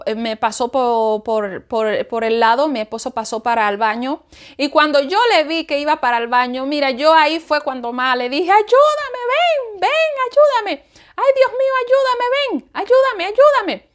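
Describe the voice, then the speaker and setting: Woman, high voice, spiritual testimony, emotional, repeats phrases, reenacts pleading. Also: a bit bright, clean tone. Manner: emotional, repeats herself, acts out her cries for help. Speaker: testimony speaker.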